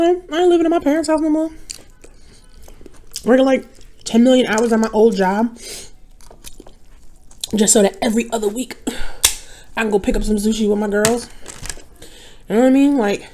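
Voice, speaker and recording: A young mukbang vlogger chats casually with her viewers as she eats, drifting from one thought to the next and calling them y'all. Her medium-pitched voice has a darkish tone, with a little hiss or hum in the recording.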